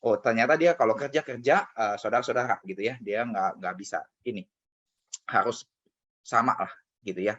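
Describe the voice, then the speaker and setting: A man's voice: fairly low pitch, normal speed, a bit bright, husky. A man giving a casual motivational talk to colleagues, telling a personal story with lots of conversational fillers. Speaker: motivational speaker. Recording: dull lo-fi recording.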